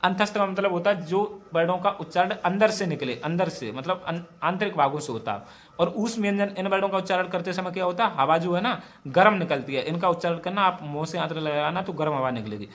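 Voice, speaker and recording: A high-pitched young man with a western Uttar Pradesh Hindi accent runs an exam-prep grammar lesson. He drills his mnemonics aloud and comes back to the same points again and again. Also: animated, a little fast, a bit bright. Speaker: teacher.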